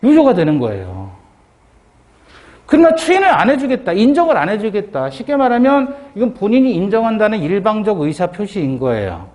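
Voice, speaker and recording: Animated male law lecturer, high lively voice. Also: brisk. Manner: animated, acts out dialogue in quoted voices; asks the class rhetorical questions. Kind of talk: exam prep lecture.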